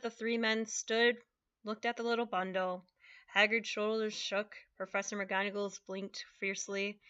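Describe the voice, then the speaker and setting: Bright-voiced woman reading a novel aloud. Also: medium pitch, smooth, dull audio. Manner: steady read-aloud with occasional slips. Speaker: reader.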